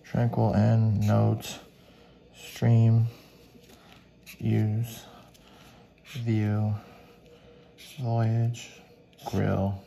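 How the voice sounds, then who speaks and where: A man's voice: fairly low pitch, level tone, extremely slow, creaky, long pauses, warm tone. A man giving casual running commentary as he works, muttering to himself in short fragments and spelled-out letters. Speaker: host of a scratch ticket video.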